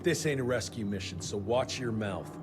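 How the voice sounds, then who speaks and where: A man voicing a gruff, curt vampire hunter. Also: lowish voice, expressive, normal speed, natural voice. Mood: contemptuous. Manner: terse, dry, insulting. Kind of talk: video game cutscene acting. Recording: game audio with loud score behind.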